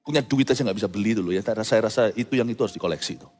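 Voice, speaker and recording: Middle-aged man, lively joking pastor voice, faint music under a reverberant church hall. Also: on the low side, racing. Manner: animated, joking and folksy. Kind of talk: sermon.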